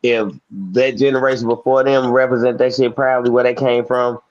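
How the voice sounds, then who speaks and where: A man's voice: medium pitch, level tone, moderate pace, dull audio. A man on a podcast panel who speaks emphatically, swears freely and repeats himself as he argues in a heated debate. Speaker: panel guest.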